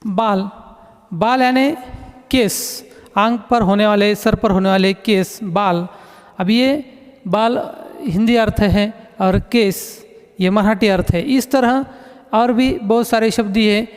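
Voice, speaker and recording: Recorded in a room with noticeable echo, this man teaches a class slowly in a high, clean voice. Patient throughout, he says words over again while explaining them and often uses the word "look."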